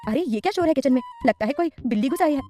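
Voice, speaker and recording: A fond, bossy mother-in-law who shoos everyone off and sides with her daughter-in-law, as a woman reads her. She sounds raised and fairly quick in a spoken story. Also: sits high, animated, warm tone, faint music behind, voice pushed up. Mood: puzzled. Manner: scolding, motherly.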